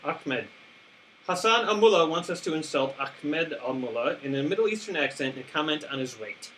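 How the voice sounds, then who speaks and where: A man co-hosting a live stream, joking around and tossing in quick interjections. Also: on the high side, animated, sharp tone, poor audio. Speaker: co-host. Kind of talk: casual live-stream banter.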